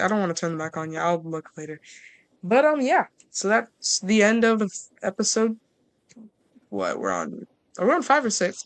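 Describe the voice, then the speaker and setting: A casual gameplay commentator talks through their progress in a loose, rambling way, breaking off and restarting sentences. The voice sits at a middle pitch and has a playful, joking manner with viewers. The recording is dry, with no room echo. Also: a bit bright. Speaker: gameplay video creator.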